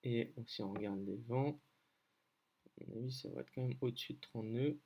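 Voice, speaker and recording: A man's voice: mid-range voice, normal speed, creaky, mellow, slight background noise. A man from France giving a casual screen-share lesson on weather maps, hesitant, with many fillers as he thinks aloud. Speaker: weather-map tutor.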